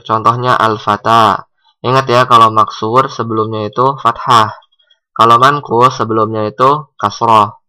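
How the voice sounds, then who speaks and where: A man teaching Arabic grammar, asking questions and answering them himself, with drawn-out example readings. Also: fairly low pitch, pushed and bright, poor audio. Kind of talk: recorded grammar lesson.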